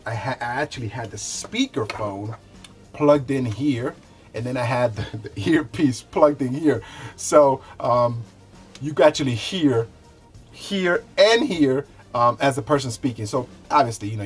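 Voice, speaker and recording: A show host doing a casual product review talks conversationally to viewers, loosely repeating himself as he demonstrates items. His voice is mid-range and slightly rough.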